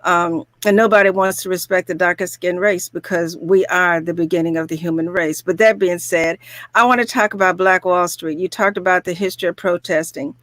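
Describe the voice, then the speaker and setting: A woman's voice: on the low side, steady tone, a little fast, a bit bright, no echo. A woman hosting a radio talk show, speaking in a fervent, preaching way and leading the conversation with questions. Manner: fervent, preaching tone with spiritual framing.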